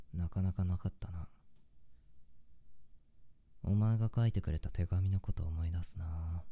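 A man playing an affectionate, teasing young boyfriend on an intimate late-night call, murmuring softly as if sleepy. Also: low voice. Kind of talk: intimate boyfriend role-play audio.

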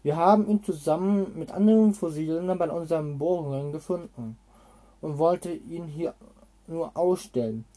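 A man reading a storybook aloud and voicing a jovial adult male oil company director, reading haltingly with slips and self-corrections. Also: fairly high pitch, dark tone, natural voice.

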